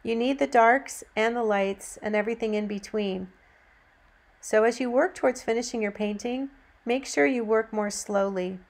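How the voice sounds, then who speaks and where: A woman narrating a painting demonstration as an instructor, in a gentle, encouraging teaching manner. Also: on the high side, moderate pace.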